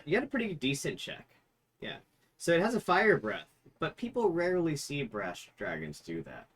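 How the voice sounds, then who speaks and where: A man's voice: on the high side, huge pitch swings, normal speed, fairly bright tone. A man narrating a tabletop game as game master in a casual, loosely improvised conversational way. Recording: faint background noise.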